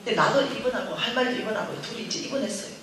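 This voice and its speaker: A woman's voice: fairly high pitch, very fast, noisy background. A woman giving a humorous testimony at a church revival, telling her story with lots of laughter and acted-out dialogue. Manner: animated storytelling, laughing often, acting out dialogue. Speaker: guest speaker at a church revival. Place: church sanctuary. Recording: echoey church hall from far off.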